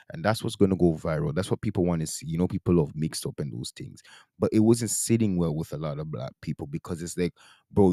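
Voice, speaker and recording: A man's voice: low-pitched, dark tone, no echo, studio quality. A man with a Caribbean-influenced Toronto accent, giving casual, opinionated commentary in emphatic, repetitive slang. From Toronto, Canada. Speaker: commentary video host.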